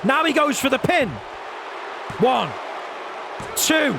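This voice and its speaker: Very high-pitched man, excitable wrestling commentator. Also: takes it slowly, vocal fry, a crowd in the background, noisy background. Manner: excitable, shouting at big moves. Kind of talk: wrestling commentator play-by-play of a video game match.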